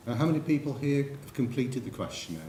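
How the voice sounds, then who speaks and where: A man's voice: medium pitch, expressive, fast talker, dark tone. A man with an English accent giving a conference talk, telling anecdotes and speaking directly to the audience. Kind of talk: presentation to an audience. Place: lecture room. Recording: echoey lecture room, faint noise.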